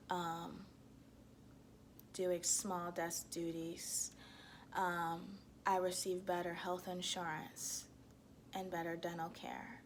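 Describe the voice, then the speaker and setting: A woman giving a reflective self-help monologue to viewers, speaking in a deliberate, halting way with emphatic repetition. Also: on the low side, slight background noise.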